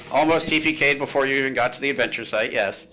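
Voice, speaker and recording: A man's voice: medium pitch, quick pace, heavy background noise. A man running a tabletop horror game, recapping the story in casual livestream chat, joking and rambling with lots of filler sounds. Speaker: game master.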